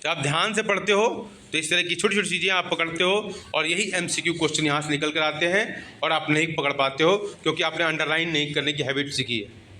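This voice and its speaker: A man's voice: a little high, a little fast, sharp tone, a little hiss or hum. A male Indian teacher dictating class notes, spelling words letter by letter and mixing English with Hindi while telling students to sit up and underline. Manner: switches between English and Hindi, scolding students to sit properly.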